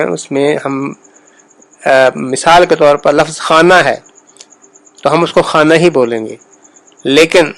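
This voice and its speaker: Man teaching a language lesson, somewhat high voice, measured and patient, repeats sounds, crickets and birds faint behind. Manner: measured, explains slowly with repetitions and pauses. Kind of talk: spoken lesson on pronunciation.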